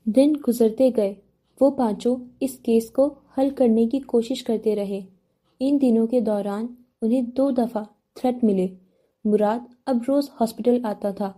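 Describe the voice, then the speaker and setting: A woman reads a romance novel aloud as an audiobook narrator. Her reading is steady and even. Her voice is very dark and mellow, yet it sits slightly high.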